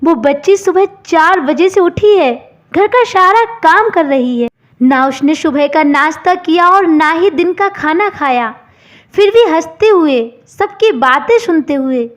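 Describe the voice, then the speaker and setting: A stern, sharp-tongued older mother-in-law from a storybook tale, as a woman narrator puts her on. She scolds in a high voice. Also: expressive, measured pace. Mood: furious.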